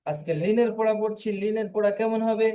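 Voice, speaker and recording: A man's voice: sits high, fairly even intonation, fairly quick, warm tone, low-quality recording. A man teaching an online Quran reading class, patiently spelling letters aloud and having students repeat after him.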